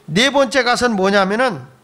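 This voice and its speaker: A man's voice: expressive, moderate pace. A middle-aged male pastor preaching a Friday night sermon in a church, joking with the congregation, calling for amens, and acting out the voices of the people in his stories. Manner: acts out quoted voices with sudden jumps in pitch and loudness; humorous, calls for amens from the congregation. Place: church sanctuary.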